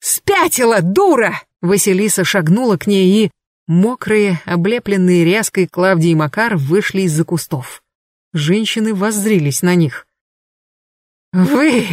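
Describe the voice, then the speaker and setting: A woman narrating an audiobook in a measured, expressive reading. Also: fairly low pitch, no echo, studio quality. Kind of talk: scripted narration.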